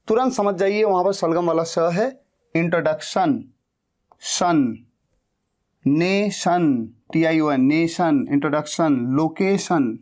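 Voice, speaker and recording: A man teaching English phonics, who demonstrates each sound slowly and repeats it many times. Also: a little high, a little mellow. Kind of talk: teaching lesson.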